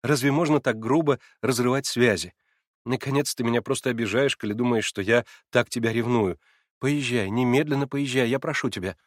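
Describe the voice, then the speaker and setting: A man reading a novel aloud, voicing an anxious, tender young woman who speaks in a hurried, pleading way. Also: mid-range voice, dry recording, clean studio sound, close to an everyday voice. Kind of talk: audiobook character voice.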